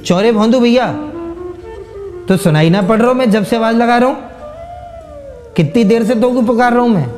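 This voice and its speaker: A playful young cowherd god, put on by a male storyteller, sweetly pleading with his friend in rustic Braj speech. His voice sits high yet mellow and soft-edged, with faint instrumental music underneath. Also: normal speed, close to an everyday voice. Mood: scolding. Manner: coaxing, pleading, folksy.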